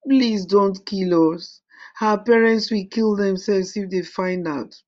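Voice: high voice, sing-song, unhurried, lo-fi sound, voice pushed up. A narrator doing a stubborn hungry little brother. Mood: pleading. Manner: pleading, whiny, raised voice. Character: stubborn hungry younger boy.

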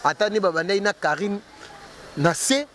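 A man with a notably high speaking voice answers interview questions. He talks emphatically, circles back on his own words, and keeps pressing his point in an easy, conversational flow. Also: normal speed, fairly bright tone, a little hiss or hum. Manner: emphatic, repeats words and restarts while arguing. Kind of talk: casual street interview.

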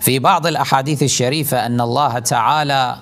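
A male cleric giving a forceful religious lecture, asking rhetorical questions and repeating his points for emphasis. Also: medium pitch, fairly even intonation, quick pace, a little hiss or hum. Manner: rhetorical questions, mimics opponents in a raised voice.

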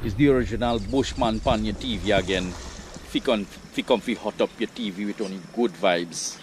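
A man's voice: fairly low pitch, moderate pace, a little hiss or hum. A Trinidadian man with an easygoing, chatty manner, vlogging outdoors from a kayak on open water. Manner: easygoing, chatty, loose Caribbean patois. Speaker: fishing vlogger. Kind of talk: casual outdoor vlog.

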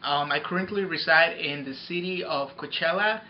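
A man's voice: fairly high pitch, moderate pace, dull audio, slight background noise. A man in his twenties from Mexico speaks confidently and directly to camera indoors. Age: 20s. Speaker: activist giving a statement. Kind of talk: scripted statement to camera. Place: indoors before a curtain.

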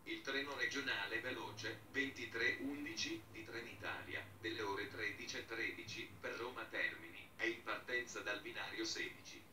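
A man making a flat, formal railway station announcement in measured, segmented phrases. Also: mid-range voice. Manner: measured formal delivery with names read in separate segments. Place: public address in a railway station, station ambience behind. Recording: bright roomy distant PA with background noise.

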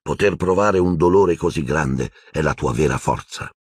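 A man voicing a serene old wizard headmaster, speaking calmly and softly. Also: very deep voice, slightly rough, no room sound, studio quality. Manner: calm, measured and soft-spoken.

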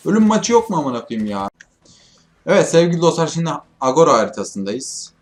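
A man's voice: fairly high pitch, sing-song, fairly quick. Swearing young man commenting on his gameplay. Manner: swears often, yells at teammates, frustrated outbursts. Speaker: gaming YouTuber.

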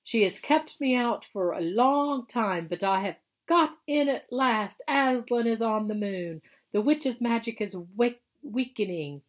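A woman reading aloud, voicing Father Christmas, a huge, glad and solemn old man, in a slow, grand manner. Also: on the high side, lively intonation, pitched above the performer's own voice.

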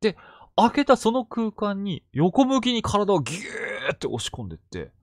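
A man narrates true ghost stories in a hushed, suspenseful way. His pitch swings widely as he builds dread. The sound is dry and close, with no room around it. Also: very animated, moderate pace, dry recording. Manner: hushed, suspenseful storytelling with sudden vivid quotes.

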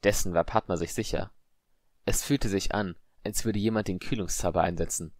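A man with a low voice narrates a scripted audiobook in an even, measured storytelling style. The recording is clean studio sound with no room ambience.

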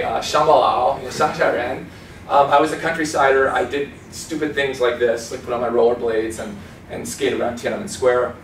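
There's slight background noise as a mid-range male voice, a man in his forties, delivers an informal, animated slide talk in a small conference room. He gestures often and imitates voices and accents in his stories, all captured with roomy sound by a far camera.

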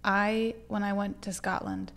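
Young woman, podcast co-host, playful, animated, laughs. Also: medium pitch, a little slow. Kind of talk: casual chat.

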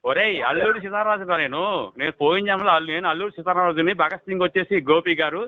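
A man with a Telugu accent in a heated phone argument, hurling insults and cutting in without pause. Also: sits high, crowd noise. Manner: abusive, shouting insults, fast and relentless. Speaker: activist arguing on a phone call. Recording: tinny phone line.

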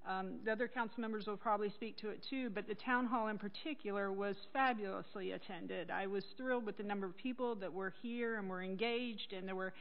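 A woman's voice: mid-range voice, fairly quick, hardly any pauses, highs cut off. A woman, a council member speaking in a friendly, upbeat way at a meeting. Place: council chamber.

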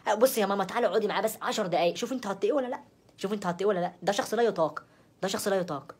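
A woman's voice: medium pitch, rapid-fire, slightly rough. A young woman with an Egyptian accent performing a comic phone-call sketch, sounding exasperated and repeating herself over and over. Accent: Egyptian Arabic.

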